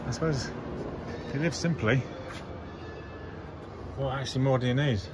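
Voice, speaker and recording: A man's voice: mid-range voice, moderate pace. Enthusiastic man touring a museum. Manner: enthusiastic, exclamatory remarks while walking. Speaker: vlogger. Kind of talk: casual museum walkthrough commentary. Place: large indoor museum hall. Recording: noisy handheld museum recording.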